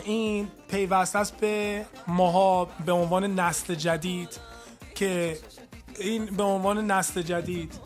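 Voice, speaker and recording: Chatty high-voiced male radio host. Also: steady tone, soft background music. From Iran. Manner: chatty, mixes English phrases into his talk. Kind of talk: call-in radio talk.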